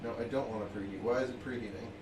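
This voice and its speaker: A man's voice: mid-range voice, rapid-fire, reverberant, distant mic, background noise. A man hosting a live cooking stream in his basement kitchen, chatting casually and joking as he reads out viewers' messages. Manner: excitable and jokey, reads out chat messages.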